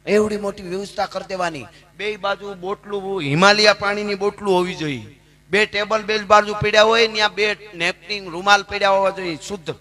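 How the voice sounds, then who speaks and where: A man's voice: high-pitched, sharp tone. A man, a folk storyteller performing live in a dramatic, emphatic way. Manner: dramatic, emphatic, slips into characters' voices and chanted verse. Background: accompanying music.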